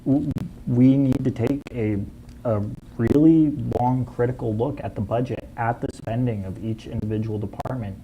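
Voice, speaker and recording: A man running for city council, answering at a forum in an earnest, slightly halting way. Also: medium pitch, steady tone, lo-fi sound, noisy background.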